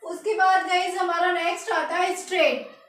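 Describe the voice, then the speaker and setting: A woman from India teaching a language lesson, slowly repeating each word and quizzing the viewer. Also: very high voice, steady tone, fairly bright tone, echoey room. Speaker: French teacher.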